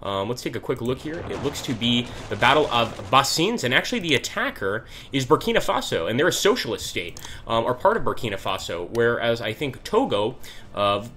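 Guy doing let's play commentary, bright tense voice, chatty, thinking out loud, bit of hum behind. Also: medium pitch, sing-song, fairly quick. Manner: chatty, thinking aloud while playing. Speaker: gaming channel host.

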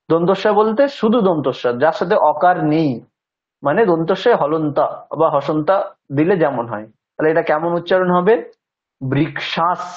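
High-voiced man teaching pronunciation patiently. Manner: patient, drawn-out syllable-by-syllable demonstrations. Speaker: Sanskrit teacher. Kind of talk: language lesson explaining pronunciation. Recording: dull lo-fi recording.

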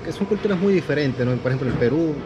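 A man's voice: on the high side, lively intonation, fast talker, lo-fi sound, music in the background. A young man with a Peruvian accent, hosting a casual food-tasting vlog, chatting and explaining to viewers at a restaurant table. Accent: Peruvian Spanish. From Peru. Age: young adult. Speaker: vlogger host. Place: indoor sushi restaurant. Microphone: camera on the table.

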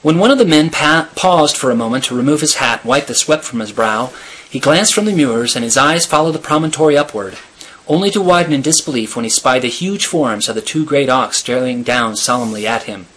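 A man reading a chapter of a novel aloud in a steady, measured storytelling manner. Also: mid-range voice, slightly rough, poor audio. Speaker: reader.

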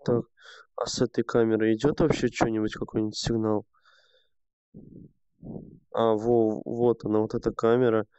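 A man's voice: lowish voice, level tone, normal speed, pauses often, mellow, clear, resonant tone, no room sound. A young man streaming a game, grumbling and swearing to himself in casual commentary. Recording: dull lo-fi sound.

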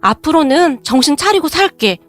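A woman's voice: sits high, sing-song, moderate pace, faint music behind. A woman voicing a desperate husband who clings and begs in a whining tone, in a storybook narration. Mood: pleading. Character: pleading, begging husband in his thirties.

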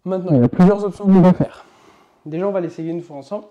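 A man teaching yoga, giving upbeat coaching and counting slowly through each movement as he demonstrates. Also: high voice, narrow, tinny audio. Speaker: yoga instructor. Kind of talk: instructional demonstration.

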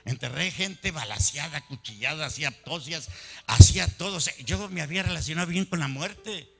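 An older man in his sixties gives a preached testimony with a gravelly, raspy edge and a slightly raised pitch. He tells his story in an animated way, with chuckling asides. Soft music plays faintly behind him. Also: a little fast. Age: 60s. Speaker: church brother giving testimony.

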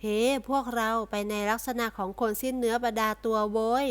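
A woman voicing a cheeky, joking rich young man who speaks slowly and playfully. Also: a little high, flat delivery, clear, resonant tone, natural voice.

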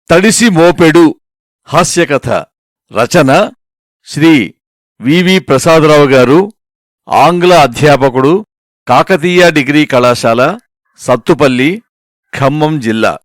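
A man's voice: fairly high pitch, expressive, takes it slowly, long pauses, no room sound, studio quality. Man reading a humorous story.

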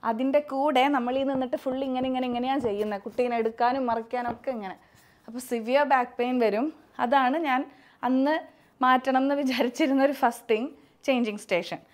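A young mom speaks briskly in a high, steady voice as she walks through her baby setup indoors for a vlog. Between chatty remarks she sing-songs to calm a crying baby, filmed by another person.

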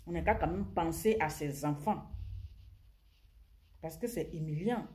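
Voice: mid-range voice, a little slow, a little mellow. Indignant commentator. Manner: indignant and scolding, stammers and repeats words. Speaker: social media commentator. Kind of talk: impassioned vlog commentary.

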